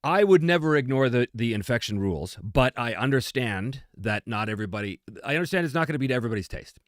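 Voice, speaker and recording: Speaking fast with lively intonation in a mid-range voice, a man who hosts, designs games and serves as game master runs a casual tabletop gaming talk, answering questions emphatically and self-deprecatingly in a chatty way. The studio sound is clean with no room sound.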